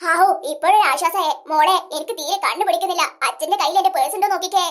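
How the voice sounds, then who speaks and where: A performer voicing a fussy elderly mother in a comedy skit, scolding and fretting quickly. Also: extremely high pitch, fairly bright tone, pitched below the performer's own voice. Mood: fretful.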